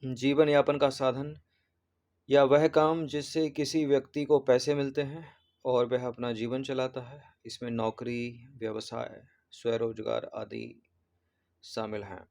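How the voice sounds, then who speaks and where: Male tutor, steady monotone delivery, patient, repeats each word while walking through answers. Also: mid-range voice, unhurried, gravelly. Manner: repeats words, corrects spellings patiently. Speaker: exam prep teacher. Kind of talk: explaining test answers.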